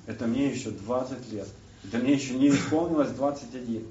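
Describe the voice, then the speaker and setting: A man's voice: medium pitch, dark tone, slight background noise. Man telling his story in an echoey hall. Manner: halting, searching for words, many restarts. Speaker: recovery speaker sharing his story. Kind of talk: personal testimony to a group. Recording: distant roomy hall mic, dull.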